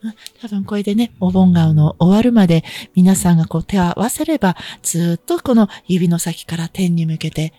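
Woman, mid-pitched, very melodic intonation, gentle polite podcast teacher, encouraging, close dry sound. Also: animated, fairly quick, hardly any pauses, dry recording, soft background music. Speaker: spiritual teacher and healer on a podcast. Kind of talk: polite conversational talk.

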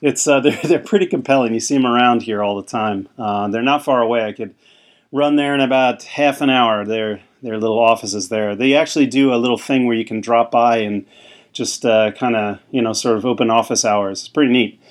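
A man's voice: mid-range voice, a little fast. Rambling male podcast co-host. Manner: rambling, lots of fillers. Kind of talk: casual chat.

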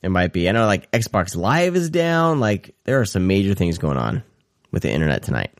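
Laid-back low-voiced man on a podcast. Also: big pitch swings, moderate pace, no room sound, clean studio sound. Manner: laid-back, joking, swears casually. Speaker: podcast co-host. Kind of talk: casual chat. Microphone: remote call.

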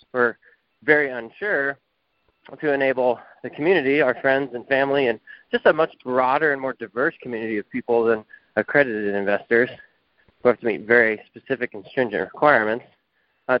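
A man's voice: mid-range voice, dry recording. A man, a company founder, heard over the phone in an interview, giving long explanatory answers with frequent fillers. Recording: muffled, dry phone line.

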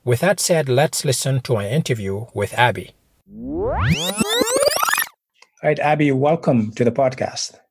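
A man's voice: mid-range voice, moderate pace, hardly any pauses, very noisy. A man hosting a motivational podcast, talking to listeners in a direct, encouraging way. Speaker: podcast host.

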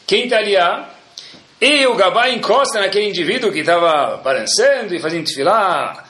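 Animated man telling a religious story. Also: sits high, echoey room. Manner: animated storyteller, mixes in Hebrew prayer terms.

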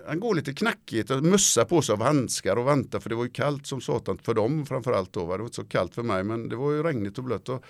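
A middle-aged man, an interview guest, telling a funny anecdote in a casual, lively way, often ending his sentences with little tag questions. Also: mid-range voice, vocal fry, few pauses, no room sound, studio quality. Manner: lively storyteller, tags sentences with "va?" and "liksom".

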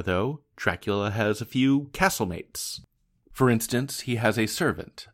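A man hosting a casual book commentary, talking in a wry, chatty way with frequent asides. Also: lowish voice.

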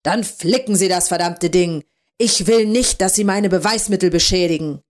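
A woman's voice: on the low side, fairly even intonation, normal speed, a little mellow, slightly rough. A woman reading the part of an irritable male police inspector, scolding in a raised voice. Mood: angry.

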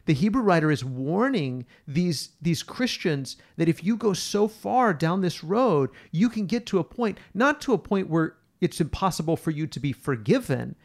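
A man with a fairly high voice talks through Bible passages with a podcast partner. He is earnest and emphatic and leans on repetition to press his point home. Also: very animated, moderate pace, few pauses. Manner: earnest, emphatic, repeats words for stress. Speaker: podcast co-host teaching on scripture. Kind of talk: conversational Bible teaching.

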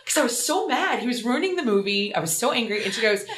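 A woman, a guest telling stories in casual talk, animated and laughing as she acts out quotes. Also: a little high, quick pace, echoey room, a crowd in the background. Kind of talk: casual storytelling.

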